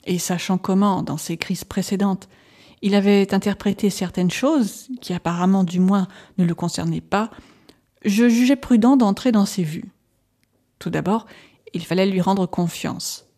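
Mellow-voiced woman reading a novel. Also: mid-range voice. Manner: measured, even reading of a doctor's journal. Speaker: audiobook narrator. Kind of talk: scripted narration.

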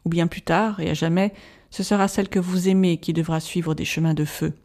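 A reader voicing an old male professor in an audiobook, solemn and measured, patiently pleading. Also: medium pitch, fairly even intonation, darkish tone, close to an everyday voice. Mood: grave. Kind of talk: audiobook narration.

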